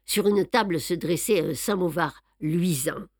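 A woman narrating a novel in the first person with a measured, even storytelling manner. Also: lowish voice, no room sound, clean studio sound. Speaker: audiobook narrator.

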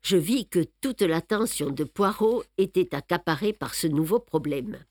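A woman narrating a novel in the first person with a measured, even storytelling manner. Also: on the low side, no echo, studio quality. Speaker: audiobook narrator.

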